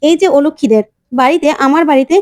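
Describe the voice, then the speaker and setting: Give me a woman putting on a taunting old grandmother with a high, sharp voice. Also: fast, no room sound, studio quality, close to an everyday voice. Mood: scolding.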